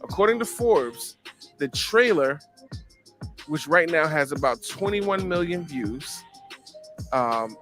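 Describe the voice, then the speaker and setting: Animated male podcast host. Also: a little high, slow, pauses often, over music. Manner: animated, filler-heavy, checks in with "right?". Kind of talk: casual chat.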